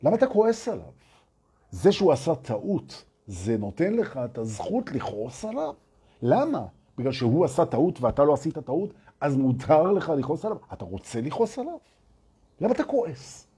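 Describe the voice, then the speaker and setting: A man's voice: on the high side, sing-song, warm tone, breathy edge. A man giving a motivational spiritual talk to an audience, speaking emphatically, repeating key phrases and firing rhetorical questions at his listeners. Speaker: spiritual teacher addressing an audience.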